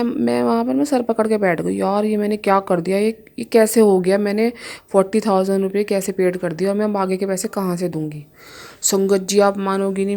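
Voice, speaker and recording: Speaking in a dark, mid-range voice, this devotee recounts her personal testimony to the congregation. She is young, emotional, and frequently turns to address those listening.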